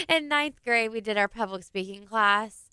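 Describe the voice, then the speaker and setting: Guest, thirties, Texan, laughs a lot, bright and clear, slightly high. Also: female voice, lively intonation, a little slow, no room sound, clean studio sound. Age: 30s. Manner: chatty, laughs often. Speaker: studio guest. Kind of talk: casual radio chat.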